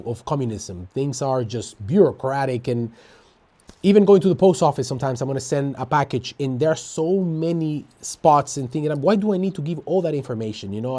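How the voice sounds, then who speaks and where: A man with a soft-edged, mellow tone. He talks casually and emphatically, circling back over his phrases and posing rhetorical questions. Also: mid-range voice. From Latin America, Dominican Republic. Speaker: interview guest. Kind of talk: casual chat.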